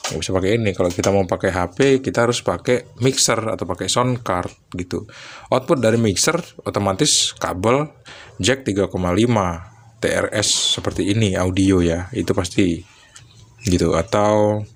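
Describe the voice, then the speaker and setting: A man's voice: low voice, normal speed, creaky. A man casually explaining audio equipment to his viewers, chatty and stopping now and then to recall details. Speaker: electronics tech vlogger.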